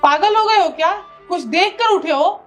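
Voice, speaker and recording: An actress playing a bossy young wife who gives her husband sharp orders. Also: very high voice, moderate pace, soft background music. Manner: commanding, sharp.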